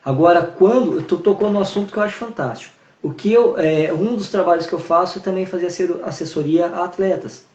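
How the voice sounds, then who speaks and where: A man's voice: high voice, fairly quick, hardly any pauses. A man, a horse trainer telling stories animatedly in a live-stream conversation. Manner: animated, storytelling with acted-out greetings. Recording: roomy, dull video-call sound.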